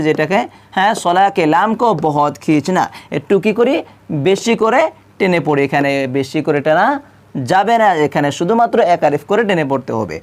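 A woman teaching how to recite the call to prayer, asking herself questions and answering them, stretching out the example phrases as she chants them. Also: on the low side. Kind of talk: explaining the correct call to prayer.

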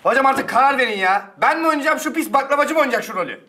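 An actor playing a boastful, dramatic young drama student in a sitcom. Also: male voice, very high voice, animated, racing, sharp tone, full character voice. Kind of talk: sitcom acting.

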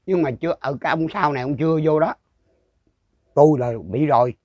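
An older man with a Southern Vietnamese accent spins a rural ghost story, circling back and repeating himself as he goes. His voice sits a little high, and it is recorded dry and close with no room echo. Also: a little fast, darkish tone, dull audio. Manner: rambling, repetitive, with frequent restarts. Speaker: storyteller interviewee. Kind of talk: casual folk storytelling.

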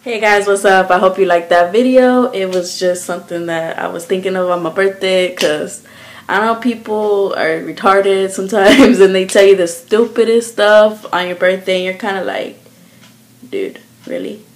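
A woman's voice: mid-range voice, steady tone, moderate pace. A woman vlogger talking casually to her viewers in a breezy, chatty way, laughing as she talks. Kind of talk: casual vlog outro to camera.

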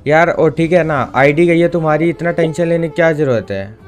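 A man's voice: fairly high pitch, a little fast. A young man scolds a friend in a casual gaming vlog chat and keeps saying "bhai" and "yaar". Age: young adult. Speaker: gaming vlogger.

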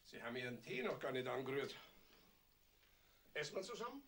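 An actor playing a polite, ingratiating rich baron in a 1980s TV drama. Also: male voice, medium pitch, big pitch swings, fairly quick, fairly bright tone, slight background noise. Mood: smooth. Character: smooth, condescending rich baron.

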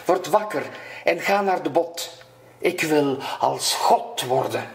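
A man's voice: a little high, expressive, takes it slowly, gravelly, roomy sound, heavily acted. A man voicing a greedy, domineering fisherman's wife who gives orders. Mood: imperious. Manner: bossy, demanding.

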